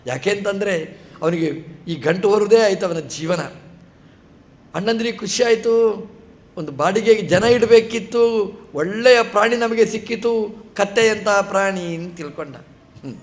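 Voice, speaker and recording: A man's voice: sits high, unhurried, pauses often. A man giving a religious discourse, telling a scripture story in a sermon style with rhetorical questions and short acted-out dialogue.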